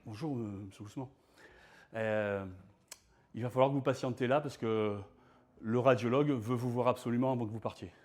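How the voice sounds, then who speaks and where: A man voicing a polite male radiology technician, soft and matter-of-fact. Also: mid-range voice, steady tone, a little fast, pauses often, close to an everyday voice.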